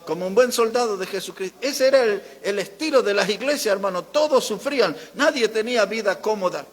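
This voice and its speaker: A man's voice: sits high, brisk. An older man with an Argentine accent preaching a sermon in a church, emphatic, repeating phrases for stress. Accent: Argentine Spanish. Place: church hall. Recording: long hall reverb.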